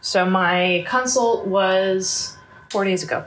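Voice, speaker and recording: A woman's voice: medium pitch, slow, slight background noise. A woman vlogger talking candidly in a casual video diary, a little congested, chatty and full of fillers.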